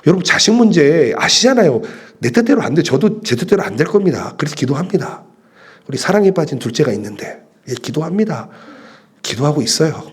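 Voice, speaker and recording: Husky, animated man preaching a sermon. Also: a little high, brisk. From Korea. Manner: animated preaching with sudden hushed asides. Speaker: pastor. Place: church sanctuary.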